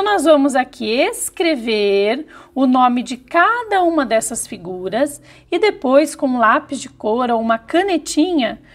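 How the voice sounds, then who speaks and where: A woman teaching a recorded lesson to first graders, with a high voice. She speaks very slowly and stretches out each syllable as she spells words for the children. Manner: slow, careful syllable-by-syllable dictation. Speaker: primary school teacher. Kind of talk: video lesson for young children.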